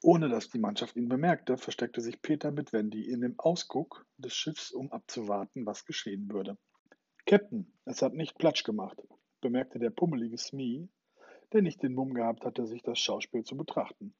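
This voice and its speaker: Husky male storyteller, lo-fi. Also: medium pitch, moderate pace, darkish tone, dry recording. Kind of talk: scripted narration of a children's story. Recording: dull lo-fi recording.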